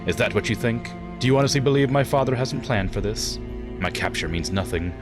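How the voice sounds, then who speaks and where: A man's voice: lowish voice, animated, a little fast, lightly acted. Guy doing a haughty captured noblewoman villain from a game, sputtering foiled threats, music in back. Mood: indignant, threatening. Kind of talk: reading game dialogue aloud.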